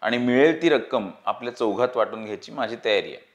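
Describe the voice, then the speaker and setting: A man's voice: mid-range voice, a little fast, dull audio, close to an everyday voice. A man reading the part of a determined young man, earnest and firm.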